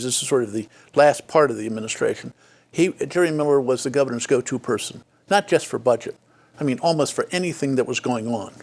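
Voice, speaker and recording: A man's voice: medium pitch, a little mellow. An older man telling stories from his career in a reflective interview, with many restarts. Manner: frequent fillers and restarts, acts out quoted dialogue. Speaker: interview guest, former state official.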